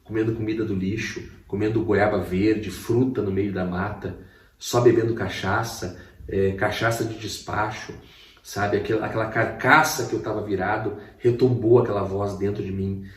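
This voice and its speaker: A man's voice: lowish voice, fairly even intonation, normal speed. A man giving an emotional personal testimony as a guest, a vivid storyteller who acts out quotes. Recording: roomy, distant mic.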